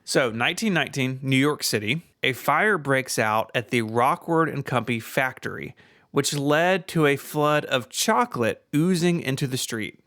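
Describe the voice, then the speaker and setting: A man's voice: mid-range voice, moderate pace, no room sound, studio quality. A man co-hosting a casual podcast, trading history facts, laughing often and reading a sponsor spot. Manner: laughs often, relaxed banter. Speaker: podcast co-host. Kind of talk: casual podcast chat and ad read.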